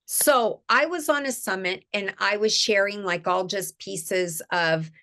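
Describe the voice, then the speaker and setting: A woman's voice: medium pitch, a little slow, bright, forceful tone. A middle-aged woman, an image consultant, speaking as a guest in an enthusiastic, emphatic, storytelling manner. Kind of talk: casual interview chat.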